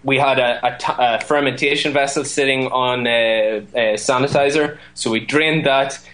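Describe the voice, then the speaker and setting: Irish brewer guest on the line, casual, rambling, filler-heavy storyteller. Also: male voice, mid-range voice, steady tone, normal speed, a bit bright, a little hiss or hum. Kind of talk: casual phone-in chat. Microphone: phone line.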